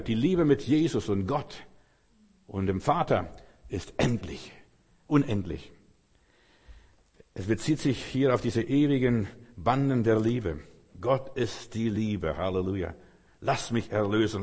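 Emphatic husky-voiced male preacher. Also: mid-range voice, a little mellow. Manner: emphatic preaching with rhetorical questions and repetition. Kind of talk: sermon.

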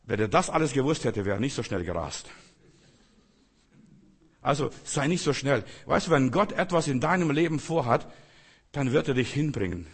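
A man with a husky, somewhat breathy voice preaches a sermon. He swings from quiet, dropped passages to sudden loud, high exclamations, addressing his listeners directly. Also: expressive, normal speed, pauses often. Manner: dramatic, swings between hushed and loud exclamation.

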